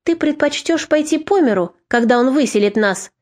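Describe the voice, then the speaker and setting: A woman's voice: sits high, lively intonation, normal speed, a little mellow. A woman voicing a bitter, harsh middle-aged mother who snaps curtly. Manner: curt, snapping.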